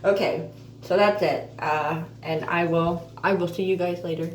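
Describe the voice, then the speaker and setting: A woman with missing front teeth and softly slurred F sounds gives a casual, halting, chatty update as an earnest vlogger. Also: on the low side, steady tone. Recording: roomy echo, distant mic, faint noise.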